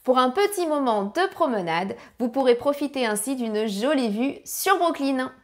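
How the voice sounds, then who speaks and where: A woman's voice: sits high, animated, moderate pace. A woman narrating a family travel guide with practical tips, now and then apologizing for her English pronunciation.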